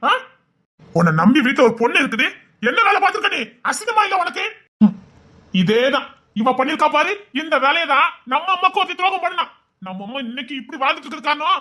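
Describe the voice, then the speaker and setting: An actress playing an angry sibling who scolds a cheating brother with contemptuous, rapid-fire questions, in serial drama style. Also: female voice, high-pitched, bright, forceful tone, full character voice. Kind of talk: Tamil serial drama acting.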